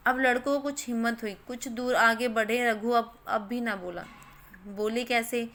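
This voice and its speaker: A woman reads a classic short story aloud in a steady, measured narration. Her voice sits slightly above the middle for a woman. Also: a little high. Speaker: story reader.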